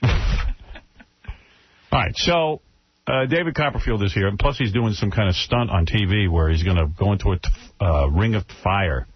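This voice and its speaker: A man's voice: fairly low pitch, measured pace, long pauses, highs cut off, a little hiss or hum. A male radio host in his studio, trading crude, joking banter with his co-host and a guest.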